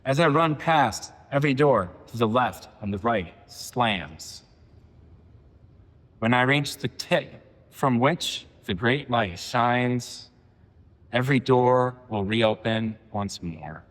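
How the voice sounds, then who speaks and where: A man in his forties giving a poetry reading, with halting, filler-heavy asides between poems. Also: mid-range voice, animated, fairly bright tone, big-room sound. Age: 40s. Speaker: poet. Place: reading venue.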